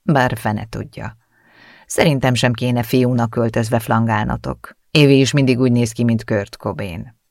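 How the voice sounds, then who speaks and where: A gentle, wry middle-aged father, as a male narrator plays him in an audiobook. He talks softly and teasingly, soothing rather than scolding, in a gravelly voice recorded dry and close. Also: medium pitch, steady tone, no echo, lightly acted. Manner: soft-spoken, teasing, conciliatory.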